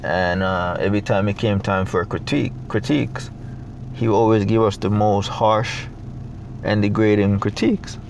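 As a casual interview guest, a young Jamaican man with a Jamaican accent reflects aloud in a halting way, full of fillers. His fairly low, steady voice has vocal fry and a darkish tone, with slight background noise.

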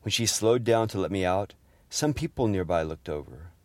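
A middle-aged man fondly narrating humorous family memories in a gentle storytelling manner. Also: low-pitched, expressive, normal speed, dry recording. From Houston, Texas area. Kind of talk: personal memoir narration.

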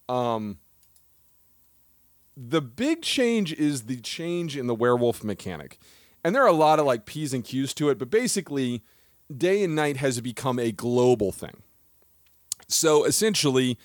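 A man co-hosting a podcast, talking in a lively, animated way and often laughing at his own jokes. His voice sits in an ordinary middle pitch. The recording is close and dry, with no room sound. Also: no room sound. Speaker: podcast co-host. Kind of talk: casual podcast chat.

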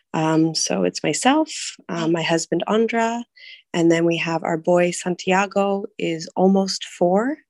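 A woman in her thirties from California, telling her story as a podcast guest in a relaxed, chatty way. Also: fairly low pitch, no echo. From California, USA. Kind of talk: personal storytelling interview.

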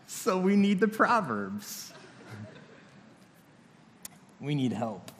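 A man preaching to a congregation in a relaxed, conversational way, slipping in dry jokes as he goes. His voice sits a little high for a man, and it rings out with the long reverb of a large church hall. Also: drawn-out words, slight background noise. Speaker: pastor. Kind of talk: sermon.

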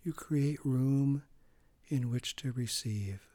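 Slow, calm man guiding meditation. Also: mid-range voice, no room sound. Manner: slow, calm, with soft breathy trailing phrases. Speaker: meditation guide. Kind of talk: guided meditation.

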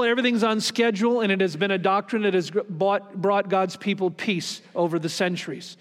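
A man with a high-pitched voice preaches to his congregation, leaning hard on key words and stretching them out. His sermon rings through a church sanctuary with a long hall reverb trailing each phrase. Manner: emphatic preaching, slows on key words, rises in pitch for stress. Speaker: pastor.

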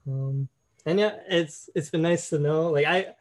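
Young man, higher pitch, casual reflective talk, frequent fillers. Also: measured pace. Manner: reflective, many fillers like "you know". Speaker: storyteller.

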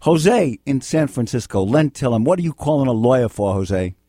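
A man's voice: medium pitch, lively intonation, normal speed, mellow, no echo, clean studio sound. A middle-aged American man hosting live legal advice radio, talking bluntly and repeating himself in an exasperated, scolding way. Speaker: radio host and lawyer giving call-in legal advice. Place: radio studio.

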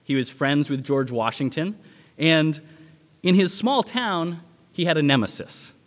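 A man delivering a sermon as a pastor, speaking in a measured, preaching manner with dramatic pauses. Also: fairly high pitch, in a large hall.

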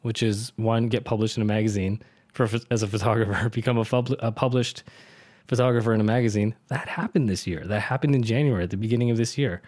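A man's voice: on the low side, fairly even intonation, fast, a little mellow, no room sound. A man in his late twenties talking through his year in a reflective, rambling monologue, earnest and often laughing. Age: 20s. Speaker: vlogger. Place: home in a city.

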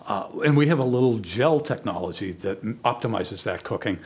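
New guy, lowish voice, chatty founder explaining his startup on a podcast. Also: a little fast, breathy edge. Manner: explanatory, rises in pitch when animated. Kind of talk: casual podcast conversation.

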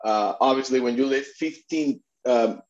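A man's voice: mid-range voice, moderate pace, highs cut off. A middle-aged man from Puerto Rico, an immigration attorney and advocate, telling his story in an earnest interview with many restarts. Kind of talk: conversational interview.

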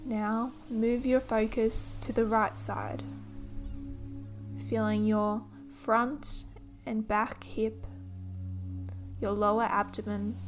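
Gentle and soothing, a woman guides a body-scan meditation, giving instructions in short, unhurried phrases. Her voice is a little high with a flat delivery, and faint music plays behind her.

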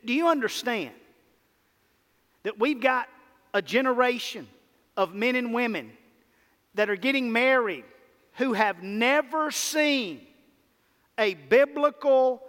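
A man with a Mississippi drawl preaching a sermon as a pastor, emphatic and repetitive, with deliberate pauses. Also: very high voice, pushed and bright. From Mississippi, United States. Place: large church hall, preaching to a congregation. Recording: reverberant hall sound.

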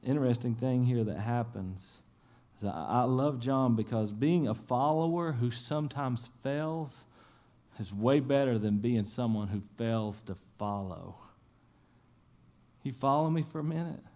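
A pastor giving an Easter sermon, retelling scripture scenes in lively, casual storytelling and speaking straight to the congregation. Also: male voice, mid-range voice, measured pace.

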